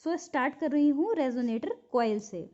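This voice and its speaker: The high, expressive voice of an Indian-accented physiotherapy teacher carries a dark tone as she lectures from notes at normal speed. She explains key points and repeats them for memorization, recorded in dull lo-fi quality.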